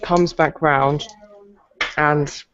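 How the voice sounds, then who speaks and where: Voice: mid-range voice, fairly even intonation, drawn-out words. Chatty game master, dull lo-fi recording. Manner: chatty, self-correcting, joking with players. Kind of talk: running a tabletop game. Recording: dull lo-fi recording with faint noise.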